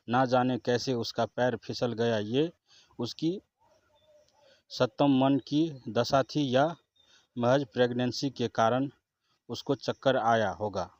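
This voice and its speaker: A man narrating a scripted romantic story in a slow, measured way, over a dull lo-fi recording with faint guitar. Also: medium pitch, a little mellow, dry recording.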